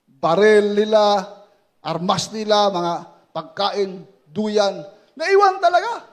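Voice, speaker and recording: A man with a Filipino accent preaching a testimony sermon, moving from quiet prayerful retelling to shouted praise. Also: high voice, animated, slow pace. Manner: swings from hushed prayerful retelling to shouted exclamations. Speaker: preacher giving a soldier's testimony.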